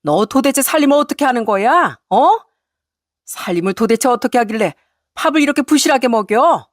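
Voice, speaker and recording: A woman voicing a furious, domineering older mother-in-law who scolds in a shrill, shouting voice. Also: expressive, unhurried, no echo, studio quality, natural voice. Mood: furious scolding.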